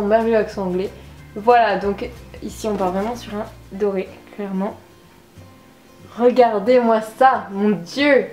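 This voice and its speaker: A woman's voice: on the high side, a little mellow. Chatty woman reviewing makeup, echoey room. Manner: chatty, enthusiastic, self-deprecating. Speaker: beauty vlogger. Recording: echoey room with faint music.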